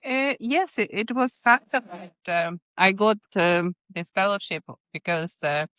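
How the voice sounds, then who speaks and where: A woman in her fifties whose first language is Ukrainian, answering interview questions with many pauses and fillers. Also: medium pitch, a bit bright, no room sound. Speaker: guest scientist. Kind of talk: interview answers, recounting career.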